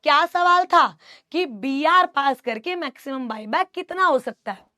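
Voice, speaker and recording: Woman, young adult, online class teacher, high voice, affectionately scolding, Hindi-English mix, dry close mic. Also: expressive, a little slow, sharp tone, no room sound. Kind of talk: live online class, answering student doubts.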